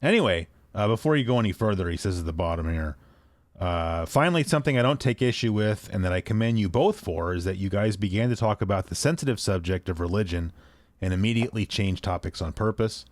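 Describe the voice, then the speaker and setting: A man's voice: lowish voice, fast talker, no room sound. A man co-hosting a podcast, chatting casually and rambling a little as he reads listener mail. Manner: relaxed, rambling, reads listener emails aloud. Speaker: podcast co-host. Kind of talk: casual chat.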